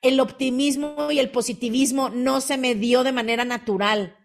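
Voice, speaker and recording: A woman, hosting a motivational podcast and acting out quoted voices with lively energy. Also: sits high, normal speed, gravelly. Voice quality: animated, acts out quoted voices. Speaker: podcast host.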